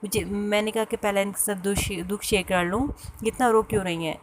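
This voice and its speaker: A woman tells a personal story in a casual, hesitant way, pausing often with fillers and restarts. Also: mid-range voice, fairly even intonation, a little hiss or hum. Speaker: vlogger sharing a personal story.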